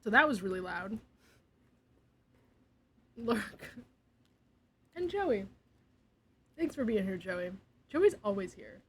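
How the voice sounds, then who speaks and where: A woman's voice: medium pitch, very animated, slow, long pauses, a bit bright, slight background noise, low-quality recording. A young woman streaming, chatting casually and giggly, sometimes dropping to a near whisper. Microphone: desk mic.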